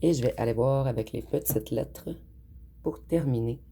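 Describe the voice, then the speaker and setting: A woman giving a calm, unhurried tarot card reading, speaking directly to her viewers. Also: very deep voice, gravelly, breathy edge. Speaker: tarot reader.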